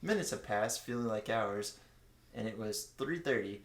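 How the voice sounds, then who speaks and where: Co-hosting a laid-back comedic reading of fan fiction, this man has a lowish voice with lively intonation at a normal speed. He trips over words and fixes them along the way, and the home recording sounds echoey and roomy.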